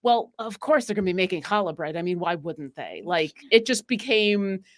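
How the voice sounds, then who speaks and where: A woman from New York State chatting casually as a podcast guest, often pausing with fillers and restarting her sentences. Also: mid-range voice, lively intonation. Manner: hesitant, many fillers and restarts. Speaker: podcast guest, tabletop game player. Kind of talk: casual chat.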